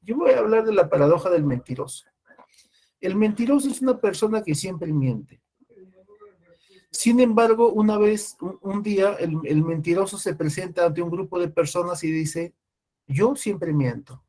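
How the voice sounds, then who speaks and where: A man's voice: high voice, moderate pace, mellow. A man teaching a class, explaining step by step and constantly checking in with his listeners. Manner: explains with frequent "¿no?" and "¿ya?" checks, restarts. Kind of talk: classroom lecture.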